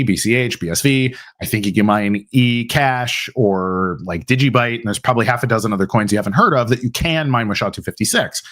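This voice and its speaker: A man hosts a live question-and-answer stream in a loose, conversational way. His voice sits at an ordinary middle pitch. He talks with plenty of fillers and restarts. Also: fairly bright tone. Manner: casual, filler-heavy, mock-quotes opponents. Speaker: host. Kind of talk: livestreamed Q&A.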